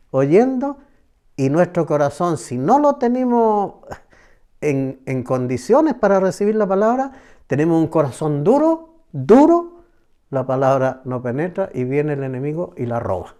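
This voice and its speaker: Slow, emphatic man teaching scripture. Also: a little high, mellow, smooth. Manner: slow, emphatic, repeats phrases. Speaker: preacher. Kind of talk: Bible study teaching.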